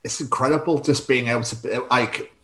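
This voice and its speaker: A male co-host gushes with enthusiasm over the stories he is hearing. His voice sits at a middle pitch and rings with a roomy echo. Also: fairly even intonation, fairly quick, bright, forceful tone. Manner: enthusiastic, gushing. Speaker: podcast co-host. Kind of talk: casual interview chat.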